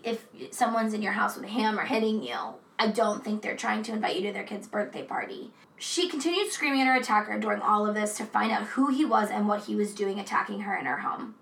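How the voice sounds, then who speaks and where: A woman co-hosting a casual true crime chat, talking in a chatty, profane way with animated asides. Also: mid-range voice, vocal fry, roomy sound, distant mic, poor audio. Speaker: podcast co-host.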